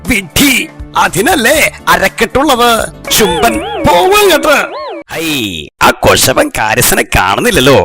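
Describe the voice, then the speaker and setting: A man's voice: sits high, wildly swooping pitch, unhurried, pauses often, over music, full character voice. A man voicing a pompous, grumpy middle-aged lord in a kids' cartoon, who scolds his servant haughtily and speaks of himself as "we". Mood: indignant. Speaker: title character of a cartoon.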